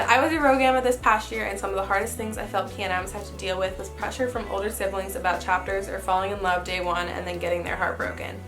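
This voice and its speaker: A young woman talking in a chatty, informal way, giving casual advice in a vlog style. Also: medium pitch. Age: young adult. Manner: chatty, informal, frequent "super" and "like". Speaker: sorority member giving recruitment advice. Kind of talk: casual advice vlog, reading messages and commenting.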